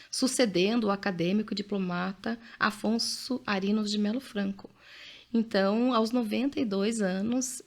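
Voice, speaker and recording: A woman's voice: a little high, gravelly. A middle-aged woman with a Brazilian accent hosting a podcast, chatting casually and reading out facts with her own asides. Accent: Brazilian Portuguese. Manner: chatty, often adds "né?", reads out facts with asides. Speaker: podcast host. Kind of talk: casual conversational podcast chat.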